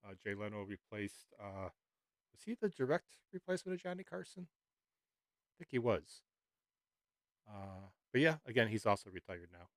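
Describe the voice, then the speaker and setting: A man hosting a reaction video, giving casual, halting commentary full of filler words. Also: lowish voice, sing-song, no room sound. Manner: hesitant, many "uh"s.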